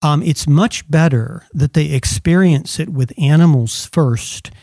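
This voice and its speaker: A man's voice: a little high, a little slow, gravelly, a little mellow, no echo, studio quality. A man who is a guest on a casual talk show, telling anecdotes with acted quotes and frequent restarts. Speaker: podcast guest. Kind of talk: casual chat, storytelling.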